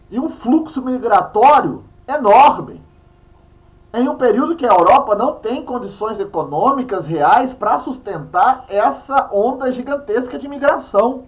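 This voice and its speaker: A man with a Minas Gerais accent gives a history lesson in a high, very animated voice. His pitch jumps all over as he chats and jokes with a co-host. The talk is loose and playful, never stiff. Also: lo-fi sound. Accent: Brazilian, Minas Gerais. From Brazil. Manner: chatty, playful teacher, banters with a co-host. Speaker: history teacher. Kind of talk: online class lecture.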